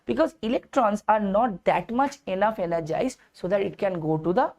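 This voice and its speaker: A chemistry teacher with an Indian accent delivers a lesson in a slightly mellow, medium-pitched voice at a moderate pace. She blends Hindi phrases into her English and leans on repeated phrases and rhetorical questions for emphasis.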